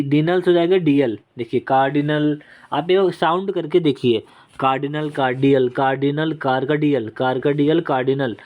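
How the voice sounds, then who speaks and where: Man with a slightly high voice, casual exam vocab teacher, chatty and self-deprecating, close mic. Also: darkish tone. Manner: chatty, repeats key words and checks in with "okay?"; self-deprecating while drawing on screen. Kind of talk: casual Hindi-English exam lesson with mnemonics.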